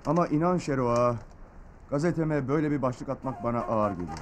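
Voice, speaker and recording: An actor playing a weary newspaper editor, brisk and resigned, speaking on the phone. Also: male voice, medium pitch, expressive, a little hiss or hum, lightly acted.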